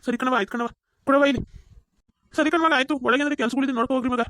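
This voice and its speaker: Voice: sits high, steady tone, very fast, fairly bright tone, no room sound, studio quality. A performer voicing a greedy, lazy village man, wheedling in a cartoon. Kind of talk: cartoon voice acting.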